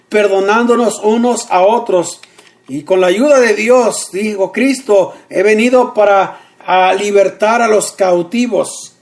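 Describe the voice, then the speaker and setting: Man, very high voice, radio sermon preacher, earnest, slow emphatic repetition. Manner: earnest, repeats short phrases slowly for emphasis.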